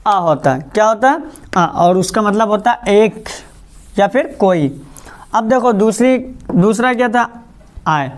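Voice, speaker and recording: A male teacher giving a grammar lesson, asking quick questions and repeating the answers, slowing words down to show how they are said. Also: high-pitched, clean tone. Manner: stretches out words slowly to model pronunciation.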